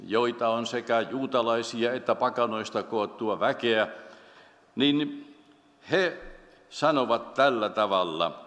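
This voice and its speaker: A man preaching a solemn, measured sermon in a church, slowing down when he quotes scripture. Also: mid-range voice, a bit bright. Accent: Finnish. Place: church sanctuary. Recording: long church hall reverb.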